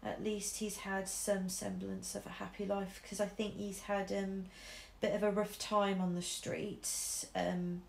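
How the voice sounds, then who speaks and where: A young woman from Shropshire, England, with a mixed English Midlands accent chats casually as an artist streamer while drawing in her living room. Her medium-pitched, gravelly, darkish voice stays level and unhurried with hardly any pauses, full of ums and restarts, and she laughs easily. Captured by a camera over her shoulder, the sound is roomy with a little hiss or hum.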